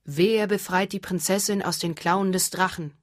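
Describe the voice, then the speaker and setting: A woman voicing a stubborn, blustering old king in a fairy tale, gruff and pompous. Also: on the low side, moderate pace, dry recording, studio quality, natural voice.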